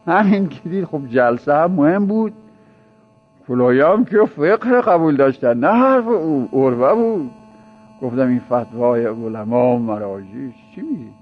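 A man's voice: mid-range voice, lively intonation. Male religious teacher, mid-range voice, conversational lecture with chuckled anecdotes, dull lo-fi recording. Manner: conversational, explaining with repeated examples. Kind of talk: informal seminary lecture.

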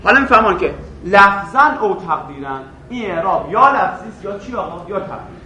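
A man teaching Arabic grammar in a classroom lecture, quizzing his students and answering himself, drawing out example words slowly. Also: high-pitched, expressive, pushed and bright, a little hiss or hum. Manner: asks the class questions and answers them himself. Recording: echoey room, voice from a distance.

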